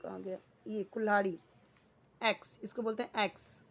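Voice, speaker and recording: A woman's voice: medium pitch, fairly even intonation, normal speed, vocal fry. A woman teaching an English grammar lesson in Hindi, explaining each word and asking and answering her own questions.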